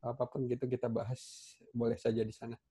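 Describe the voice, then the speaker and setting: Male welding instructor with an Indonesian accent, mellow tone, loose and halting delivery, computer mic on a call. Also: medium pitch, completely flat delivery, slightly rough. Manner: casual, halting, many fillers and restarts. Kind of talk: online class lecture. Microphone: computer mic on a video call.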